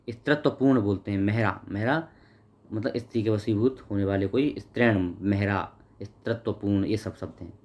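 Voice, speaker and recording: Man teaching, repeating key words. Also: mid-range voice. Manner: explains and repeats key words, asks and answers own questions. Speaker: exam-prep teacher. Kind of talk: Hindi grammar lesson.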